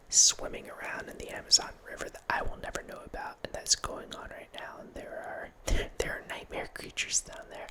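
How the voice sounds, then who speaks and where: Whispering softly without voice, a man in his thirties rambles about a horror movie on his ASMR channel, restarting phrases and letting out quiet laughs. He sits close in front of a large studio mic, wearing headphones. The sound is intimate, recorded in a small room at home.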